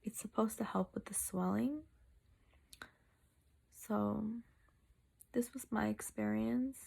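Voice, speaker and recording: A tired woman chatting casually in a personal vlog, halting and sore-mouthed as she recovers from wisdom teeth removal. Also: medium pitch, gravelly, dark tone. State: sore mouth, recovering two days after wisdom tooth surgery. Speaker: vlogger.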